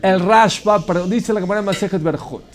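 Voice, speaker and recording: A man with a slightly raised voice teaches a religious class. He tells the story in an animated way, stops to put questions to his listeners and scatters Hebrew terms through his Spanish. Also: high-pitched, a little fast, faint music behind.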